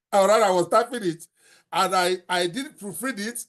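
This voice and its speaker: The host is an older Nigerian man with a Yoruba accent who teaches a book-writing class bluntly and with animation, slipping in Yoruba phrases. His voice sits high and he takes it slowly.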